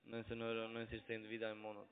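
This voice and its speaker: Over a tinny, narrow-band phone line, a young adult man who is a scam caller argues insistently and repeats himself in broken, non-native speech. He has a foreign accent, and his first language is not German. His fairly low voice is monotone, fast, and smooth.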